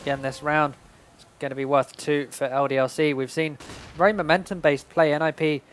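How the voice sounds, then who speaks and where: A man's voice: on the high side, steady tone, brisk. A man working as an esports caster, calling play-by-play in short, clipped descriptions of the action. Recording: background noise with game gunfire. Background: game gunfire and clicks.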